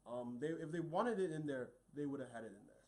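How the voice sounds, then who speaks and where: A young man talking films in a relaxed back-and-forth, his voice climbing high and swooping whenever he pushes an idea. He speaks a little above the usual male pitch, with a lively, bouncing delivery. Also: fast talker. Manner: animated, pitch jumps up when making a point. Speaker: co-host of a film review. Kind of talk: casual film review chat.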